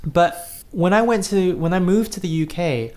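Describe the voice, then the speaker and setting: This interview guest, a man from Singapore in his thirties, recounts his personal story thoughtfully and sincerely, with many restarts. He speaks at normal speed in a high-pitched, animated voice that is slightly mellow.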